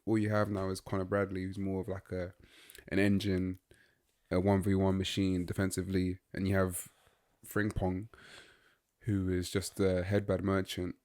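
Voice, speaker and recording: A man's voice: deep voice, completely flat delivery, moderate pace, a little mellow. A young man, co-hosting a casual football chat and rambling through his opinions with lots of fillers. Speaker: podcast co-host.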